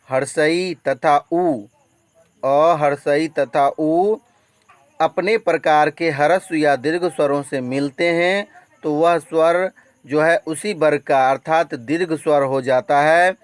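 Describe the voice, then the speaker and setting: Slow, deliberate Bihari Hindi teacher. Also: male voice, on the high side. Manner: slow, deliberate, repeats points, drags out examples. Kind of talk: Hindi grammar lesson.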